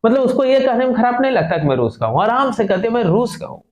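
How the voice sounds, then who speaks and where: A man's voice: very high-pitched, big pitch swings, fast talker, reverberant. A male teacher explaining an English lesson to students, firing questions at the class and repeating their answers.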